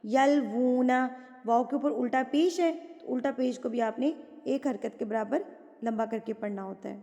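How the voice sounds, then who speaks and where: A woman teaching Quran recitation rules, patiently explaining step by step and reciting verses slowly. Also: a little high, dark tone, in a large hall. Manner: patient, explains step by step and asks and answers her own questions.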